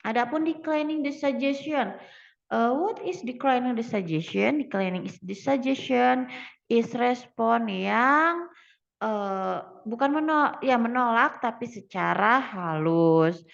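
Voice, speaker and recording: A woman's voice: on the high side, slow pace, vocal fry, muffled recording. A young woman from Indonesia, a student teacher giving an English grammar lesson, who explains patiently and switches between Indonesian and English. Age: young adult.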